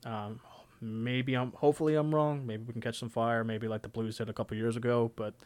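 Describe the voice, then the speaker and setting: A man's voice: medium pitch, fairly even intonation, fairly quick, darkish tone, clean tone. A young man co-hosting a sports podcast, talking casually and rambling with lots of "you know". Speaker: podcast co-host.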